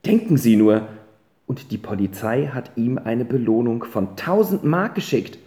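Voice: mid-range voice, animated, measured pace, warm tone, lightly acted. A reader voicing a chatty, bustling baker's wife in an audiobook. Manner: bustling, gossipy. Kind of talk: audiobook character reading. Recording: roomy echo.

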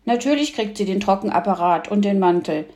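A woman doing a gruff grumbling grandmother. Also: medium pitch, expressive, a little fast, mellow, lightly acted. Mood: soothing. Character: old grandmother, gruff and dry-humored.

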